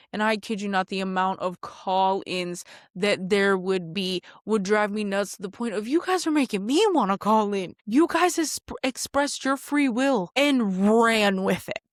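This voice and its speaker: A woman in her late twenties hosting a podcast alone, in a chatty, animated manner full of asides. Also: no echo, studio quality. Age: 20s. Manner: chatty, animated, frequent asides and jumps in pitch. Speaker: podcast host. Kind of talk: casual solo podcast monologue.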